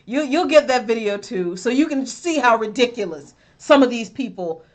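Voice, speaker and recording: A woman co-hosting a political commentary show, talking in an animated, conversational way. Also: on the high side. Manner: animated, conversational, quick to laugh. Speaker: co-host.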